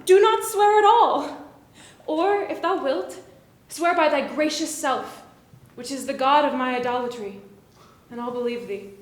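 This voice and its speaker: A woman's voice: high voice, moderate pace, echoey room, close to an everyday voice. A woman playing a lovestruck, playful, eager young maiden in theatrical Shakespearean verse. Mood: urgent, adoring. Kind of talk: theatrical Shakespearean stage acting.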